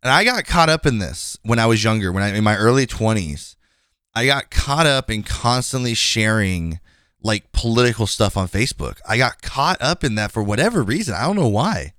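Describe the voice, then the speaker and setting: This podcast host, a man in his twenties, chats casually and frankly, rambling with many fillers and restarts. His lowish voice has a sing-song lilt, a fairly bright tone, and normal speed, recorded at studio quality with no echo.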